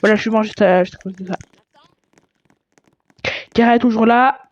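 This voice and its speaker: A young woman chatting casually over her gameplay. She stammers often and breaks into excitable outbursts. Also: fairly high pitch, normal speed, muffled recording. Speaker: gaming video creator.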